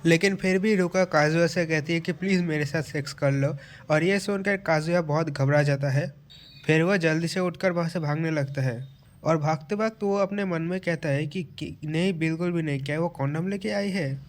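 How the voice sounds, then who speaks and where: A man's voice: on the high side, moderate pace. A young man casually narrating a manga chapter recap, conversational with knowing asides to the viewer.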